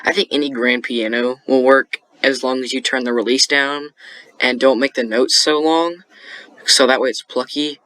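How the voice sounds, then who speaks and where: Bright-voiced young man explaining beats. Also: medium pitch, fairly even intonation, moderate pace. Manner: rambling, many fillers and self-corrections. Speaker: beat-making tutorial host. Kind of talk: casual screen-recorded tutorial.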